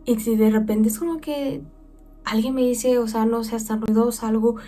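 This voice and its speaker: A chatty young Mexican woman hosts a gentle self-care podcast, speaking like a friend sitting across from you. Her tone is mellow and dark, and soft music runs faintly beneath her voice. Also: on the high side, steady tone, moderate pace. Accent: Mexican Spanish. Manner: chatty, warm-hearted advice with playful quoted voices. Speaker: podcast host.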